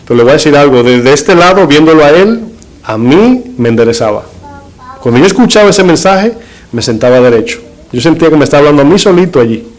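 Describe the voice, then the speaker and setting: A man's voice: a little high, animated, quick pace, rough recording. A middle-aged man, a pastor, preaching a sermon in short emphatic phrases and putting rhetorical questions to his congregation. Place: church.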